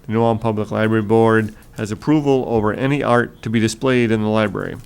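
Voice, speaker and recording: Low gravelly man chairing a meeting. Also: steady tone, darkish tone. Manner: halting, with frequent fillers. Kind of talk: formal meeting business, reading agenda items aloud. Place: meeting room.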